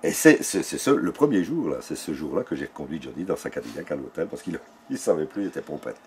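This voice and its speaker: Homme âgé à l'accent belge, conteur animé, voix grave qui monte et descend beaucoup. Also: male voice, extremely low pitch, fast, slight background noise. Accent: Belgian French. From Belgium. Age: older. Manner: animated storyteller who acts out dialogue. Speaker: interviewee. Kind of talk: casual storytelling interview.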